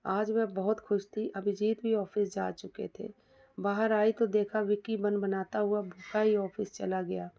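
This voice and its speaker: A woman narrating a scripted story in a steady, plain manner, in a dull lo-fi recording. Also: mid-range voice, a little slow, gravelly.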